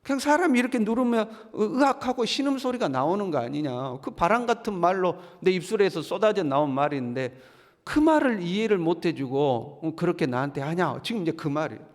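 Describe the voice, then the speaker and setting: Guy preaching a dawn sermon, kinda high voice, long echo in the church hall. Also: sing-song, fairly quick. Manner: acts out quoted speech in heated colloquial voice. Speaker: pastor. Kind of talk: early morning sermon. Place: church sanctuary.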